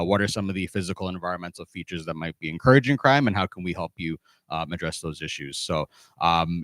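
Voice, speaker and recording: Man, neighbourhood watch coordinator, quick delivery, low pitch, filler words, dry. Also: no echo. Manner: brisk, informal, many ums. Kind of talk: public briefing. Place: community meeting room.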